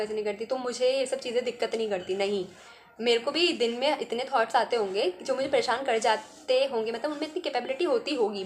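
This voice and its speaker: A woman's voice: high voice, a little hiss or hum. A woman giving casual spiritual self-help advice, chatty and often checking in with "ठीक है?". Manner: chatty, keeps adding "ठीक है?". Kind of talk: casual advice talk to camera.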